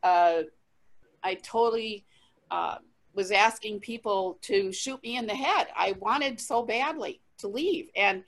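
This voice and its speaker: A woman tells her personal testimony in an interview, speaking candidly and with plenty of life. Her voice sits at an ordinary middle pitch, and she often laughs mid-story and restarts her sentences. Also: slow. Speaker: interview guest, traveling minister.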